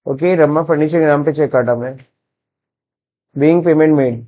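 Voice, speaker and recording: A man with an Indian English accent teaching an accounting software lesson, switching between Hindi and English and asking and answering his own questions. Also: a little high, measured pace, lo-fi sound. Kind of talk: screen-recorded classroom lesson.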